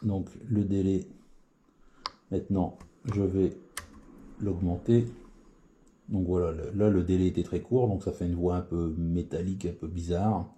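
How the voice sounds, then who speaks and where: A man's voice: low-pitched, fairly even intonation, measured pace, long pauses, mellow, a little hiss or hum. A man giving a casual spoken tutorial on radio settings, hesitant, with many fillers and restarts. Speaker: CB radio hobbyist demonstrating settings.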